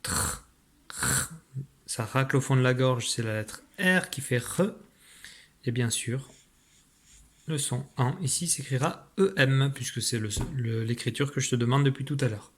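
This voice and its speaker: Patient and clear, a man with a mid-range voice reads out a recorded spelling dictation as a teacher, slowly sounding out every sound.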